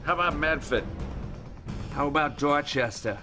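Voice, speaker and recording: A man's voice: fairly high pitch, moderate pace, natural voice. An actor playing a cocky Boston man in a comedy sketch, with a thick Boston accent and music under the voice. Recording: clip with music behind.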